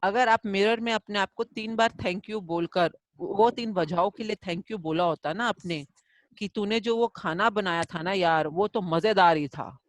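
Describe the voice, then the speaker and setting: On a video call, a middle-aged woman teaching a gratitude course coaches a student in a live online class, switching between Hindi and English. She answers with everyday examples and lively acted-out quotes, her mid-range voice unhurried. The recording is dry.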